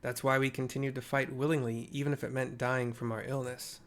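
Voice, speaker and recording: A man reading the lines of a remorseful male champion wrestler in a game, in a measured, earnest voice. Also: mid-range voice, level tone, a bit bright, close to an everyday voice. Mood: grave. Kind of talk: reading game dialogue aloud.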